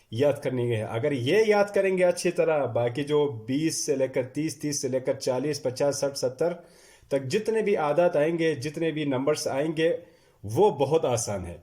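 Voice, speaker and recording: A man teaching a classroom lecture, drilling numbers slowly and stressing each one as he repeats it. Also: fairly high pitch, mellow. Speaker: Arabic teacher. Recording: echoey room.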